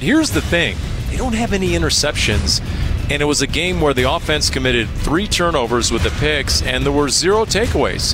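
An American man hosting a sports radio show with conversational football commentary. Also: a little high.

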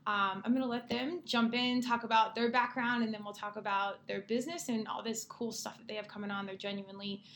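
A woman's voice: on the high side, fairly even intonation, brisk, hardly any pauses, fairly bright tone, slight background noise. A woman over thirty hosting a casual podcast in a playful, slangy, teasing way, her mouth a little numb from injections. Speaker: podcast host.

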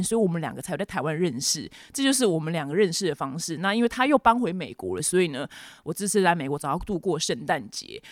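A Taiwanese-accented woman in her thirties tells a story at a quick clip, her pitch leaping all over the place. She hosts the show in a dramatic, chatty way and slips English words into her Mandarin. The recording is dry and close, with no room sound. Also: no room sound. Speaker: podcast host. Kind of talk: casual storytelling chat.

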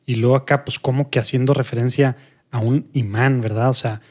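A man co-hosting a casual podcast, thinking aloud with frequent pauses, restarts and tag questions. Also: medium pitch, fairly even intonation, a little mellow. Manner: hesitant, searching for words, many tag questions. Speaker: podcast co-host.

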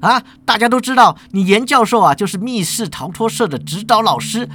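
A storyteller voicing a fast-talking, aggrieved substitute teacher. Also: expressive, a bit bright, close to an everyday voice. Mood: indignant. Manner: fast, high and accusing.

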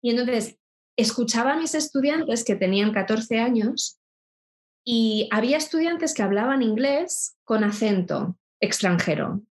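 A woman's voice: fairly high pitch, animated, measured pace. A middle-aged woman from Spain, a guest in a conversation, speaking thoughtfully with frequent restarts and rhetorical asides. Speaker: interview guest. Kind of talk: reflective conversation.

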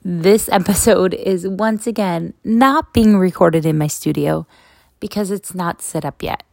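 A woman's voice: fairly low pitch, measured pace, vocal fry, a little mellow, no room sound. A middle-aged woman hosting a casual podcast monologue in a candid, conversational way, often checking in with a "right?", recorded outside a proper studio. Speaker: podcast host. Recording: makeshift non-studio recording.

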